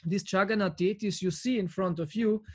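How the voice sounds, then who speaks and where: A man's voice: high-pitched, fairly even intonation, breathy edge. Earnest man from Austria on a video call. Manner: earnest, halting with fillers and restarts. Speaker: devotee lecturer. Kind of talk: online talk over video call. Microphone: video call from home camera.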